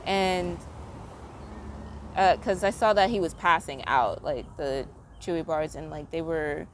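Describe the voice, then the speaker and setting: A woman with a fairly low voice rambles through a casual, tired monologue, circling back on herself and leaning on "like" at every turn. Steady background noise with passing vehicles runs under her voice. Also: unhurried. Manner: meandering, heavy use of "like" fillers. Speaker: vlogger.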